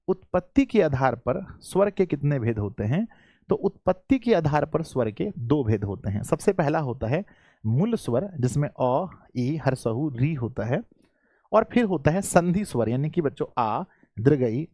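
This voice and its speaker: A man teaching a live online class to students, repeating each question and often clearing his throat. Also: fairly high pitch, a little mellow, no room sound, clean studio sound.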